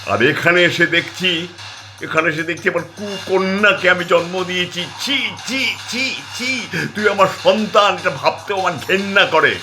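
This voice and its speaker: A man's voice: medium pitch, normal speed, long pauses, music in the background, natural voice. A man voicing an older mother who sternly and reproachfully scolds her daughter. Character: stern indignant old mother.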